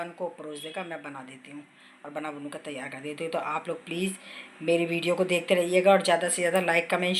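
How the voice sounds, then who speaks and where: A woman's voice: sits low, very noisy. A middle-aged woman vlogging casually from her home kitchen while unwell, chatting at length and retelling conversations with family.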